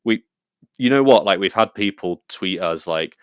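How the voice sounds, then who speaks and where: A very low-pitched English man chatting as a podcast guest, his voice smooth and resonant. He rambles eagerly, full of fillers and restarts, and the sound is close and dry with no room around it. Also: lively intonation, normal speed, no room sound. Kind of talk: casual conversational interview.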